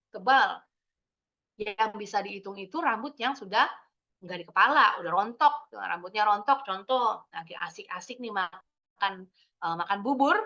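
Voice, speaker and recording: A young woman with an Indonesian accent teaches children English over a dull, lo-fi video call. Her voice sits fairly high and sounds bright and forceful. She explains in a lively, sing-song way, often asking the class quick questions. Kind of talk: online kids' English lesson.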